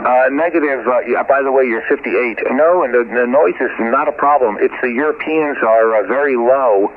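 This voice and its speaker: A medium-pitched man talking at normal speed makes a ham radio call as an amateur operator, spelling call signs phonetically amid plenty of fillers. The audio has the tinny, faintly staticky sound of a shortwave transmission.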